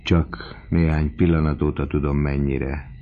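A man's voice: a bass voice, level tone, narrow, tinny audio, a little hiss or hum. A man voicing an earnest young male student in a story reading, speaking urgently. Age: young adult.

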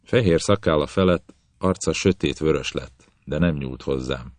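A man reading a novel aloud in the first person, calm and measured. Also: extremely low pitch, no echo. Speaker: audiobook narrator.

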